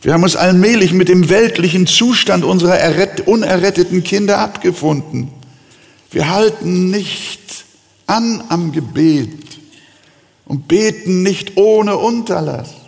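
Pastor, male, slow deliberate preacher pleading with his flock; church hall echo. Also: sits high, creaky. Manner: earnest, pleading preaching with slow emphatic pauses. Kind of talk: sermon.

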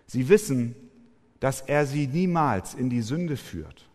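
A man preaching a sermon, emphatic, with forceful rising peaks. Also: mid-range voice, animated, slow pace. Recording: long hall reverb.

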